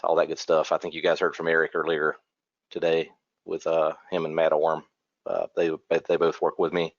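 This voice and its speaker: A man talking casually on a panel, his voice very deep and flat. He sounds relaxed and offhand, in dry, close, dull call audio. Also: no room sound. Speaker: panel guest, security team manager.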